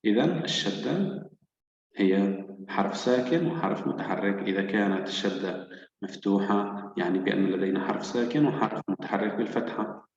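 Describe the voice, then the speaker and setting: A man teaching children to read, sounding out syllables slowly and patiently. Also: lowish voice. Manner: slow, patient, drawn-out syllables. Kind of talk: children's reading lesson. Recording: echoey, dull, hall-like room.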